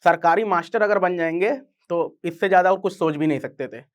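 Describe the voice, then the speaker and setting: High-voiced Purvanchali young man telling his story. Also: a little fast. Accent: Purvanchal Hindi, close to Bihari. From Purvanchal, Uttar Pradesh, India. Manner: casual, chatty, addresses listeners as yaar. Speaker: content creator and guest speaker. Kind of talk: storytelling talk.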